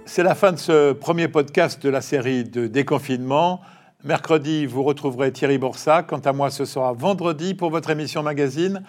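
A man's voice: fairly high pitch, a little mellow, faint music behind. Man hosting an interview. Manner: direct, brisk questioning. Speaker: host. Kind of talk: podcast interview.

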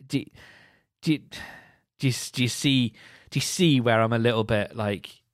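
A man's voice: mid-range voice, a little slow, no room sound, clean studio sound. A man hosting a podcast, giving casual solo commentary in a wry, mocking way, with many restarts and repeated words. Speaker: podcast host.

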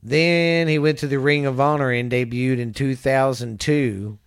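A man with a smooth, resonant voice talks through a casual recap from his notes on a close home mic. The sound is dry with no room echo. He trips over names, fixes them and laughs at himself. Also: medium pitch, fairly even intonation. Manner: halting, stumbles over names and corrects himself; chuckles at his own slips. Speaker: podcast host. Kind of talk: casual wrestling history recap read from notes.

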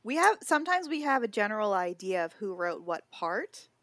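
A woman's voice: mid-range voice, very animated, normal speed, a bit bright, no room sound. Woman author explaining her book. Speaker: author guest. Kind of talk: casual interview.

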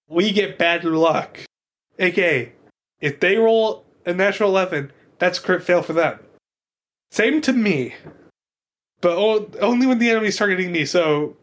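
Brief: male tabletop player, high voice, jokey rules talk. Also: a bit bright. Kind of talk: tabletop game play.

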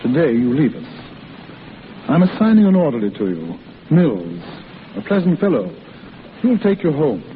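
In a tinny, hissy old 1940s radio drama, an actor plays the kindly, fatherly middle-aged head doctor of a rehabilitation hospital. His voice is male and fairly high with huge pitch swings, and he sounds avuncular, deliberate, earnest and probing.

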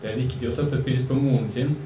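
A man's voice: mid-range voice, steady tone, lightly acted. A man voicing a pushy, talkative middle-aged mother who bends the truth, in a matter-of-fact way with sly asides. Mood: breezy. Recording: roomy, distant, noisy recording.

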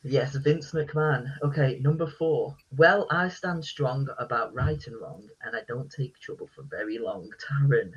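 A man hosting a casual quiz, reading out lines in a flat, deadpan voice. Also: medium pitch, moderate pace, hardly any pauses, slightly rough, highs cut off. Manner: reads lyrics in a deadpan voice. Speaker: quiz host.

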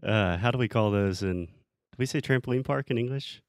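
A man hosting a casual interview as a relaxed chat with his guest. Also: medium pitch, brisk, clear, resonant tone, no room sound, clean studio sound. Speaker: host, interviewer.

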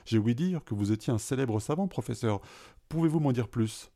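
A man's voice: medium pitch, expressive, fairly quick, creaky, warm tone. A man reading a story aloud, voicing a showy, courtly master of the house greeting his guests. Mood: effusive. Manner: effusive, courtly. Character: welcoming male host of the house, showy.

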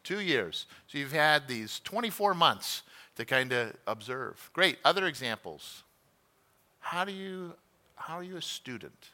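Bright-voiced man teaching a sermon class. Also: fairly high pitch, big pitch swings, measured pace. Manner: conversational, self-deprecating, asks the room questions. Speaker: pastor.

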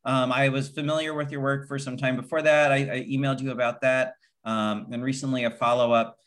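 A man's voice: mid-range voice, flat delivery, a little fast, fairly bright tone. Enthusiastic male podcast host. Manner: enthusiastic, friendly. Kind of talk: casual interview.

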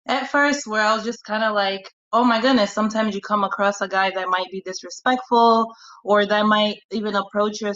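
Bright-voiced young woman caller from Congo. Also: mid-range voice, muffled recording. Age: 20s. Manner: earnest, reflective, lots of fillers.

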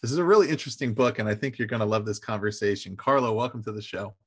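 A man's voice: lowish voice, rapid-fire, breathy edge. A man hosting an interview podcast, asking long, winding questions with frequent restarts. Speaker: podcast host.

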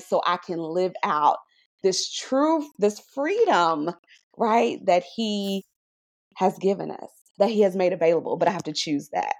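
A woman sharing her faith testimony in a podcast conversation, animated and preacherly, often checking in with "right?". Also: lowish voice. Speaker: podcast guest.

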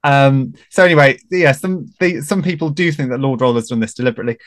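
A man talking casually about royal history, hesitant and careful, with many pauses and restarts. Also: mid-range voice, no echo, clean studio sound. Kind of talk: casual chat.

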